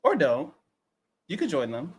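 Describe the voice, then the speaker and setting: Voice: medium pitch, wildly swooping pitch, unhurried, husky. A podcast cohost in casual chat, playful and teasing, laughing often.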